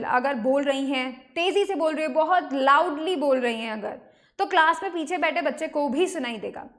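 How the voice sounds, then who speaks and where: Young woman, Indian accent, high voice, teacher explaining step by step, frequent check-ins. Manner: mixes Hindi and English, checks in with "ठीक है?" and "right?". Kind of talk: online class lecture.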